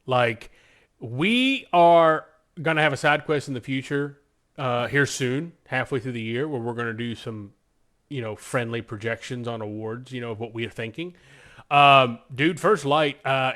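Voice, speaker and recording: A man co-hosts a podcast, chatting casually about games and films and offering his opinions with enthusiasm and emphasis. His mid-range voice is a bit bright and moves at a normal pace.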